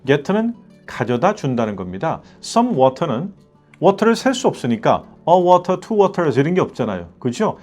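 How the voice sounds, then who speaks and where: A man lectures as an English teacher, his voice rising and falling in an animated way and pitched a little higher than most men. He checks in with the class through rhetorical questions and sounds out each English example slowly so students can repeat it. A faint guitar track plays underneath.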